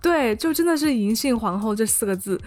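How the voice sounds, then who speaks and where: A woman's voice: a little high, animated, brisk, a little mellow, faint music behind. A woman co-hosting a podcast, telling a story in casual chat and often checking in with her listeners. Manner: chatty, keeps asking "you know?". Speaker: podcast co-host.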